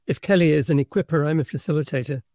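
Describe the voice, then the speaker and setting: A middle-aged South African man tells his story in a steady, thoughtful way, pausing to pick his words. His voice sits a little high for a man. The sound is close and dry, with no room around it. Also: dry recording. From Kenya and South Africa. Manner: measured, thoughtful storytelling with pauses. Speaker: guest, book publisher's representative. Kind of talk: conversational podcast interview.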